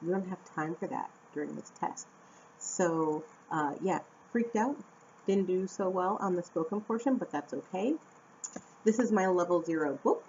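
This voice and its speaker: A woman's voice: fairly low pitch, normal speed, darkish tone. Chatty American woman on dull lo-fi audio. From Phoenix, Arizona, USA. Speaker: vlogger and English teacher. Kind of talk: casual chat to camera. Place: at home indoors. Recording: dull lo-fi camera audio with faint room noise.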